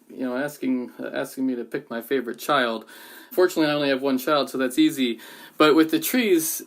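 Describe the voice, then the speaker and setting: A man from the United States speaking as a radio guest, enthusiastic and a little rambling. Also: mid-range voice. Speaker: guest expert. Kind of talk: radio discussion.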